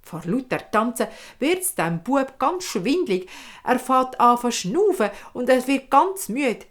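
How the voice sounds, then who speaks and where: Woman, Swiss German accent, fairy-tale storyteller, expressive, lively intonation, fairly high voice. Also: takes it slowly. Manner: vivid, expressive narration.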